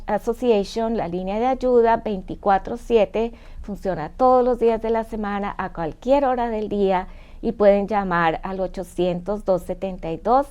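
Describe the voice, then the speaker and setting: A woman's voice: mid-range voice, a little mellow. A woman hosting a health talk and interviewing a guest, explaining plainly and checking in with short questions. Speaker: host.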